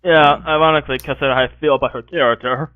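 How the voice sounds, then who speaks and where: A man's voice: a little high, steady tone, racing, clear, resonant tone, dry recording. A man hosting a casual group podcast call, moderating turns and encouraging the others. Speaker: podcast host. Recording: tinny phone-like call audio.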